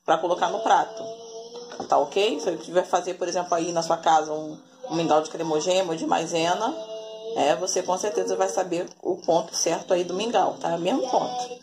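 A woman's voice: lowish voice, brisk, background noise. A Brazilian woman in her forties, chatting through a cooking vlog at home and often calling her viewers family. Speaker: vlogger. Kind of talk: casual cooking vlog narration. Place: home kitchen, then outdoors in a yard. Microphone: phone camera held at arm's length.

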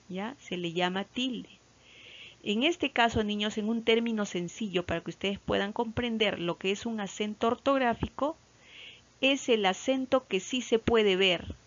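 A primary school teacher from Peru, speaking Peruvian Spanish at medium pitch, gives children a slow, patient lesson, repeating key words and often checking with "¿ya?" that they follow. She stretches out example words loudly. It's a recorded classroom lesson with slightly dull, lo-fi sound.

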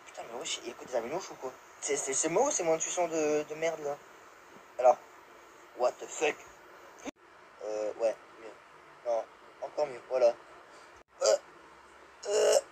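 A young man giving live gameplay commentary, excitable, yelping and laughing, swearing and dropping English exclamations. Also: a little high, moderate pace, long pauses, a little hiss or hum, rough recording. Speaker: gamer.

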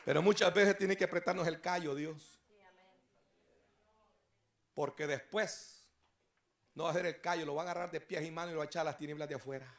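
A male pastor preaching an evangelistic sermon, telling stories and building up to shouted exhortations. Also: fairly high pitch, steady tone, a little fast, long pauses. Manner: storytelling preacher who rises to shouted exhortation. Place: church service.

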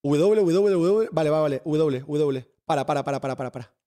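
A man's voice: on the high side, fairly quick, mellow. A man with a Spain Spanish accent, patiently guiding a teammate through a video game with repeated step-by-step directions. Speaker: gaming streamer guiding a teammate. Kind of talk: casual gameplay coaching.

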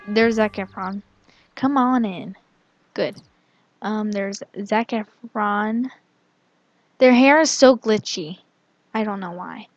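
A woman narrating her gameplay in a casual, giggly and excitable way. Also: mid-range voice, no echo, lo-fi sound. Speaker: gaming vlogger.

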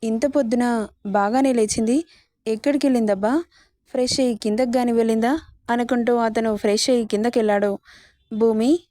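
A woman narrating a serialized romance story with steady, expressive pacing. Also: a little high, fairly quick, dry recording, studio quality.

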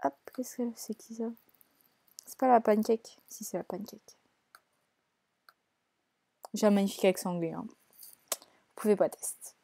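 A young woman hosts a let's play, her medium-pitched voice gravelly, warm and a little slow, with frequent pauses. She chats casually through the gameplay commentary, teasing the characters she plays and hesitating often.

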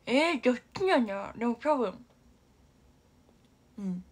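A young woman from Aichi, Japan hosts a casual idol livestream in a voice on the high side, expressive and slow. She's chatty and giggly, reading viewer comments aloud and often dropping to a near-whisper.

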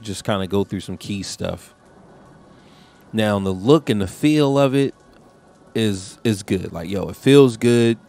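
Male tech reviewer, raspy low voice, chatty and rambling, casual vlog delivery. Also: lively intonation, a little slow, long pauses, dark tone. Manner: slangy, rambling storytelling with many fillers.

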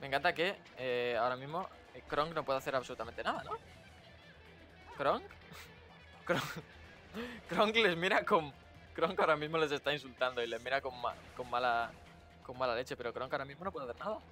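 A man giving excitable, jokey let's play commentary, swearing freely. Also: mid-range voice, fairly quick, pauses often, faint music behind. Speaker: streamer.

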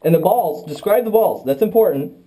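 Wedged in a tight underground cave, a cave explorer films on a head-mounted camera, chatting casually with wry, rambling jokes. His high voice is expressive and a little fast, with a dark tone, and the audio quality is poor.

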